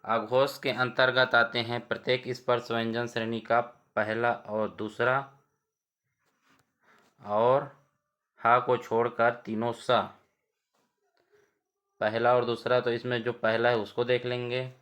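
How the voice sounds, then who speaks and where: Slow, even-toned male teacher. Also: mid-range voice. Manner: reads out options and explains answers step by step. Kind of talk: exam quiz lesson.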